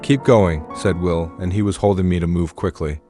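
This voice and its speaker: Low-voiced man narrating a horror story. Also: steady tone, a little fast, mellow, soft background music.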